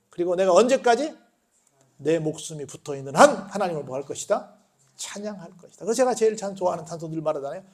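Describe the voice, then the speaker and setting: A male pastor delivers a sermon in a church, posing questions for the congregation to answer. His voice is high for a man, and he tells stories in a lively way. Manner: call-and-response questions, animated storytelling. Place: church sanctuary.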